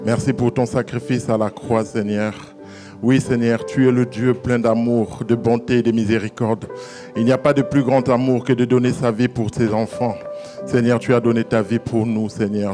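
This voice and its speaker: A man's voice: mid-range voice, dark tone. A man saying a spoken prayer over the church offerings, calling out to the Lord between phrases.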